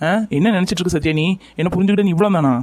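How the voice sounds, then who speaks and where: A man's voice: high-pitched, rapid-fire, darkish tone, no echo. A young man in a scripted romantic drama, talking with reproach and coaxing. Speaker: lover in a family skit.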